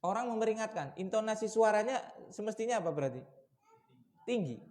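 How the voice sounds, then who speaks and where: A man preaching at a mosque study session, asking his listeners questions and shifting between raised warnings and quiet asides. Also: brisk. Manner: lively, shifts from loud warnings to low asides, asks the audience questions. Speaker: Islamic preacher.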